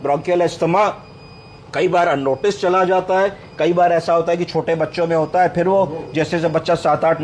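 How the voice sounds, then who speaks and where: Male doctor, higher-pitched voice, patient teaching lecture style, faint background hiss. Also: darkish tone. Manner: explains step by step, asks and answers his own questions; mixes English medical terms into Hindi. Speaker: doctor teaching clinical medicine. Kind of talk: explanatory medical lecture.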